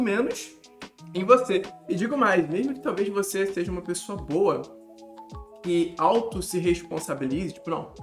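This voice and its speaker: A young man talking casually to camera as a study coach, animated and emphatic, often calling the viewer "cara". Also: high-pitched.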